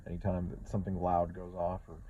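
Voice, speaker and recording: Rambling truck driver with a low, mellow voice. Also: male voice, completely flat delivery, fast talker, lo-fi sound, a little hiss or hum. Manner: rambling, repeats words, frequent "you know" and swearing. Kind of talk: casual rambling vlog rant.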